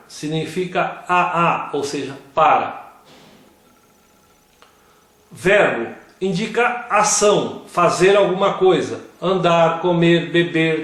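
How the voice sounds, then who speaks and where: A man giving a slow scripted grammar lesson, reading word examples one at a time. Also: a little high, fairly bright tone. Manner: reads word lists one by one. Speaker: grammar teacher. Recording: very echoey room.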